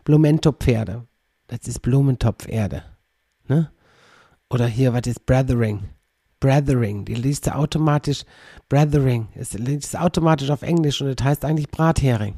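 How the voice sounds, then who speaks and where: A man's voice: mid-range voice, normal speed, warm tone, no room sound, studio quality. A man hosting a podcast in a rambling, wry casual monologue, often mimicking how people pronounce words. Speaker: podcast host.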